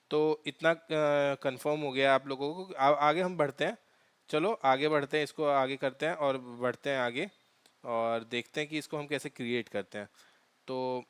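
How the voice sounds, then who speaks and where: A man's voice: on the high side, smooth, no room sound. A man teaching a cloud DevOps tutorial over a screen share, explaining step by step with frequent fillers and restarts. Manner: halting, many fillers and restarts.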